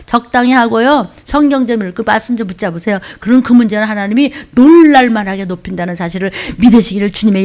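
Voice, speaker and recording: A woman pastor preaching a fiery, scolding sermon, swinging from loud outbursts to hushed whispers. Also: high voice. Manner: mimics churchgoers in mocking quoted voices.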